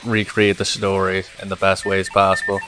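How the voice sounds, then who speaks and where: A man gives laid-back gameplay commentary in a low, flat monotone, rambling along with plenty of fillers. Game music plays clearly underneath his voice. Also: normal speed. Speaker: gaming channel host.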